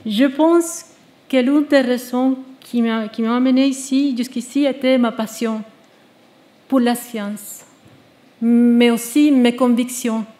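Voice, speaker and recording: A woman, reading a prepared testimony on stage in a measured, earnest way, with small restarts. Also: a little high, steady tone, dark tone. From Venezuela. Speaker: exiled researcher giving a testimony. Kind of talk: prepared speech read to an audience. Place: stage at a live public event.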